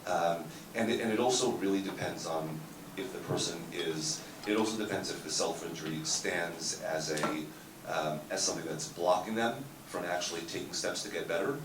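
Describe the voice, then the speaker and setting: A very deep-voiced man speaks on a therapy panel, hesitating and restarting often with plenty of fillers. He is picked up from a distance in a conference room that echoes, with clear background noise behind him. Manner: halting, many fillers and restarts. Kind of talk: panel discussion answer.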